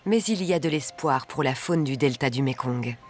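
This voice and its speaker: A narrator reading a scripted nature documentary in a measured, articulate way. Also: medium pitch. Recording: background music under the voice. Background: music.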